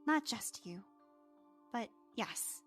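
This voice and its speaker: A woman's voice: on the high side, lively intonation, extremely slow, fairly bright tone, breathy edge, faint music behind, heavily acted. A woman voicing a teenage-looking goddess of fate, playful and teasing, in a tabletop game. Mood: earnest. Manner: teasing, cheerful. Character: girlish teen goddess of fate, playful, smug.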